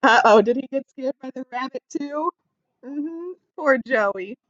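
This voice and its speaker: In a lively read-aloud for young children, a woman pauses to ask questions and explain things in simple terms. Her pitch sits high and her pace is a little slow; there's no echo, though the sound is dull.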